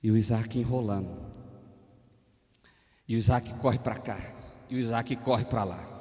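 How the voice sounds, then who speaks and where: Brazilian pastor preaching in a reverberant church. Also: male voice, mid-range voice, fairly even intonation, a little slow. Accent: Brazilian Portuguese. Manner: swings from quiet confessional storytelling to loud fervent preaching. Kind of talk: sermon. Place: church sanctuary.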